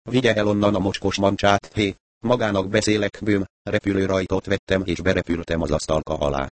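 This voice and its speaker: A man reading a novel aloud as narrator, doing the dialogue in one even voice and raising it for shouts. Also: low-pitched, no echo. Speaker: audiobook narrator. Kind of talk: scripted narration.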